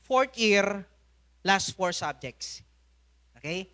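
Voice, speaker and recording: Telling funny stories during a church sermon, a man with a Filipino accent speaks in a high-pitched, expressive voice with a sharp tone, drawing out his words. He laughs frequently throughout.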